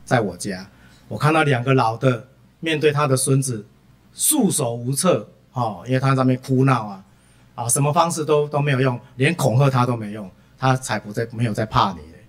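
A man's voice: mid-range voice, fairly quick. Chatty preacher man telling stories. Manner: lively anecdotal delivery, frequent "ah" fillers. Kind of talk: sermon with personal storytelling.

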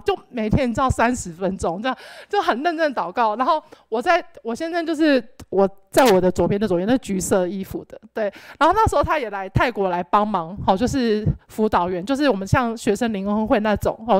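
A young woman gives a rambling, animated personal faith testimony, full of filler words. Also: a little high, dry recording. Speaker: church member giving testimony.

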